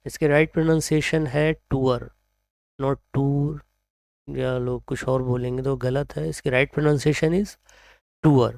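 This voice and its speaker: A man with an Indian accent teaching English pronunciation, reading example sentences slowly and then explaining them. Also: medium pitch, creaky, darkish tone, no room sound, clean studio sound. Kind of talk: slow explanatory lesson, mixing Hindi and English.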